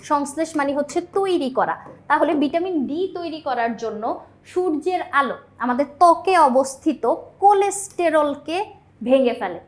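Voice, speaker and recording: A young, high-pitched woman with a Bangladeshi Bengali accent teaches a biology exam lesson. She explains step by step and answers her own questions.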